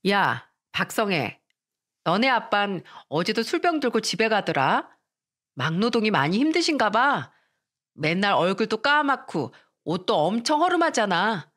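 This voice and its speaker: A haughty little rich girl who bullies her classmates, her voice pitched high and sneering, swinging widely up and down as she jeers, as a woman storyteller puts her on. Her taunts come shrill and biting. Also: lively intonation, normal speed, a bit bright. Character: spiteful rich schoolgirl bully, taunting and haughty.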